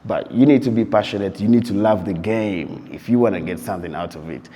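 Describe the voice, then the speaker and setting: Interviewed on tour abroad, a man from Uganda who works as a DJ and producer talks briskly in a lowish, mellow voice. He looks back on his life in a loose way, saying "you know" again and again, with long reverb on the audio.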